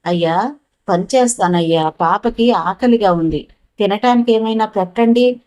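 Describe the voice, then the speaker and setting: A woman voicing a kind, clever orphan boy who speaks gently and coaxingly in a storybook reading. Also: medium pitch, unhurried, natural voice. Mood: pleading.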